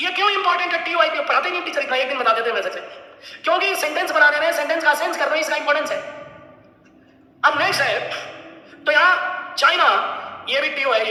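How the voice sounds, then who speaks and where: A middle-aged man teaching an English class, lecturing loudly with teasing scolds at his students. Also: very high voice, very echoey, in a large hall, poor audio. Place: large lecture hall.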